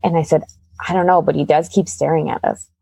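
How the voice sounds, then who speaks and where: A low-pitched, brisk woman's voice with fairly even intonation, creaky and mellow, in a dry recording. She's a Canadian from Calgary, a magician's assistant and performer, chatting casually and telling personal stories as an interview guest.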